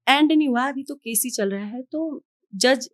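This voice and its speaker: A woman's voice: high voice, normal speed, a bit bright, no room sound, clean studio sound. A woman from Haldwani in India, speaking as a podcast guest in an outspoken, emphatic way and giving firm advice. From Haldwani, Uttarakhand, India. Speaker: podcast guest, entrepreneur and influencer. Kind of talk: podcast interview.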